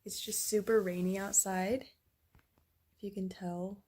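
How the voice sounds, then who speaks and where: A woman's voice: medium pitch, fairly even intonation, unhurried, mellow. A young woman chatting casually to her camera at home in her first vlog, rambling with plenty of fillers. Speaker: vlogger.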